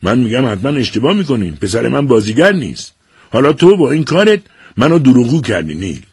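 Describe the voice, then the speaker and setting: A man reading an audiobook and voicing a stern, furious middle-aged father who shouts orders at his son. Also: medium pitch, lively intonation, breathy edge, dry recording, clean studio sound, voice pushed up. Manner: shouting, domineering.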